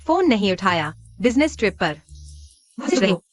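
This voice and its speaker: A woman's voice: mid-range voice, very animated, moderate pace. A woman dubbing a wronged young pregnant woman in a drama, speaking in an angry, accusing way over music. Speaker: dubbed drama actress.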